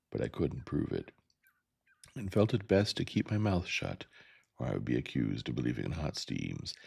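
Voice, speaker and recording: A man narrating a novel in a gentle, soft ASMR reading. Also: very deep voice, creaky, slightly rough.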